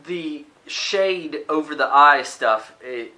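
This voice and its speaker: A man with a bright, slightly high voice talks through a movie review in a loose, rambling way. He picks at the film critically and often restarts his sentences mid-thought. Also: slow pace. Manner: rambling and critical, with frequent restarts and mock quotes. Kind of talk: casual spoken movie review.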